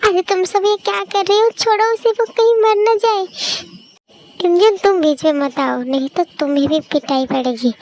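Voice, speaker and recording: A woman with a very high, light voice performs a fan fiction audio drama on her own. She switches between characters with quick, emotional dialogue. A faint hiss sits under her voice. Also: a little mellow. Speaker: fan story narrator.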